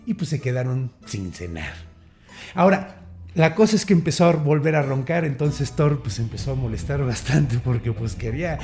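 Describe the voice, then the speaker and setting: A man with a Mexican accent, hosting a podcast and retelling a myth in a chatty, gossipy, animated way. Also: mid-range voice, moderate pace, faint music behind. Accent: Mexican Spanish. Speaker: storyteller host. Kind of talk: casual storytelling podcast.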